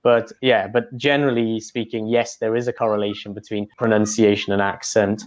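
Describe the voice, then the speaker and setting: A man's voice: on the low side, flat delivery, fairly quick, muffled recording. A man from Wales, an English tutor, answering interview questions in a chatty, casual way with many fillers.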